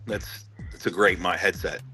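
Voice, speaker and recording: A man's voice: low-pitched, steady tone, moderate pace, bright, forceful tone, faint music behind. A man co-hosting a podcast over a phone mic, talking casually with a slight lisp and a somewhat slurred sound. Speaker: podcast co-host. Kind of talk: casual chat. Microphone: phone, no headset.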